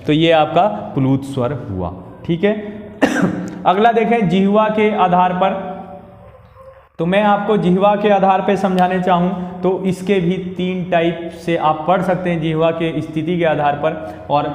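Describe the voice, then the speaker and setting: A man giving a classroom lesson, explaining slowly and repeating each term. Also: high-pitched, a little mellow. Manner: explains slowly, stretching out sounds and repeating terms. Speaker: teacher. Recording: echoey room with long reverb.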